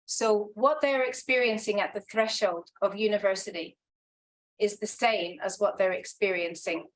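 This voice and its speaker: A woman academic, medium-pitched and speaking at a normal speed, gives a thoughtful, earnest conference talk. She frequently restarts and says um, and the recording is rough.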